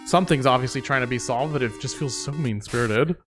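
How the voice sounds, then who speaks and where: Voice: mid-range voice, fast, a bit bright. A game streamer co-hosting a playthrough with casual, reactive commentary and chat. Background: video game music.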